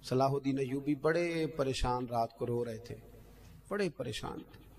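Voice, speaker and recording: A male preacher, delivering an impassioned sermon that swings between loud outbursts and hushed asides. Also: medium pitch, normal speed. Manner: chants verse in a sung tone. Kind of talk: Islamic sermon.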